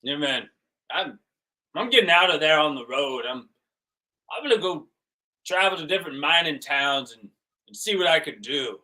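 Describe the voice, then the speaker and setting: A man performing improvised character comedy, talking in an earnest, halting way. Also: fairly high pitch, animated, pushed and bright.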